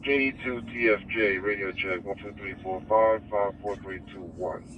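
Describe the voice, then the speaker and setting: A man's voice: on the low side, fairly even intonation, moderate pace, distant mic, dull audio, slight background noise. A man doing a radio check, heard played back through a handheld radio's small speaker as he calls out his sign and counts one to five and back. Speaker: amateur radio operator.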